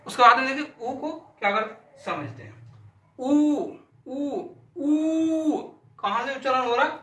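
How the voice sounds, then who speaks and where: A man teaches a lesson in a high, piercingly bright voice. He sounds out syllables over and over and poses questions he then answers himself. He is heard from a distance in an echoey room. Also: a little fast. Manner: demonstrates sounds by repeating syllables aloud; asks and answers his own questions. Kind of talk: classroom lesson.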